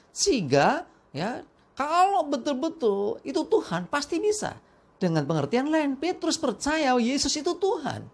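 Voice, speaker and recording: A pastor from Indonesia delivering a morning devotional sermon, the voice rising and falling freely. There is a gravelly edge throughout. The delivery stays conversational, with short asides tossed in between points. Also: mid-range voice. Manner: conversational preaching with frequent "ya" asides. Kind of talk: morning devotional sermon with prayer and Bible reading.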